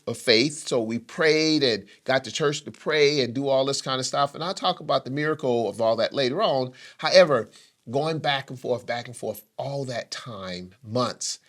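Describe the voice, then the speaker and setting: A man's voice: moderate pace, a bit bright. A middle-aged man co-hosting a talk show, telling a personal story with emotion and letting his voice climb at the intense moments. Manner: emotional, rises in pitch when retelling intense moments. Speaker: co-host.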